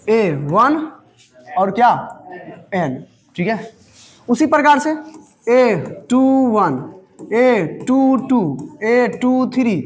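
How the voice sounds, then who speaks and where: A man teaching a maths class, repeating terms word by word and often asking if the students have understood. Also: very high-pitched. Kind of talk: slow classroom lecture.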